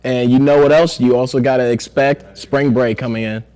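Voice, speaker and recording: A man's voice: mid-range voice, fairly even intonation, moderate pace, mellow, smooth. A man hosting a campus news show, introducing segments in an easygoing, conversational way. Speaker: news anchor.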